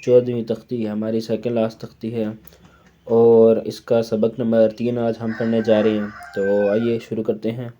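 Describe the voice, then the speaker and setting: A man with a Pakistani Urdu accent teaching children to spell out and recite Quranic syllables, slowly drawing out the recitation and then explaining quickly. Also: on the low side, little pitch movement, warm tone, muffled recording, a little hiss or hum. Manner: slow drawn-out recitation alternating with quick explanations.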